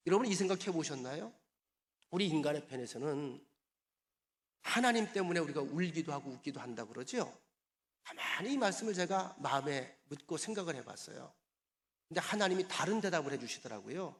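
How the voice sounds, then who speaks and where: A man's voice: on the high side, expressive, brisk. A male pastor preaching a sermon emphatically, calling on the congregation to respond and repeat after him. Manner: acts out quoted voices in conversational asides.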